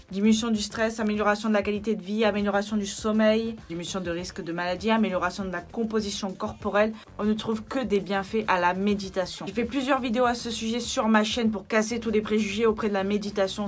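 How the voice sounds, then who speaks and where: A young woman coach giving casual vlog advice, talking straight to the viewer with friendly asides. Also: mid-range voice. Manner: chatty, addresses viewer directly with asides. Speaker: wellness coach.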